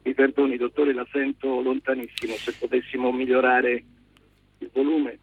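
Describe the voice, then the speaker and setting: A man calling into a radio show on speakerphone from his car, explaining things in a polite, practical, measured way. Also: medium pitch, flat delivery, breathy edge. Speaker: guest electrician. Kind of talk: radio phone-in conversation. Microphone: car hands-free speakerphone. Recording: muffled phone-line speakerphone audio.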